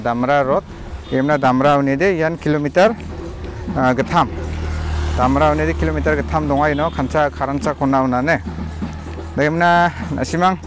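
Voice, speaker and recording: A man with a Garo accent narrating a casual walking tour outdoors, rambling and repeating himself as he talks straight to his viewers. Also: a little high. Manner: rambling, repetitive, addresses viewers directly. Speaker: vlogger. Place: outdoors by a village pond.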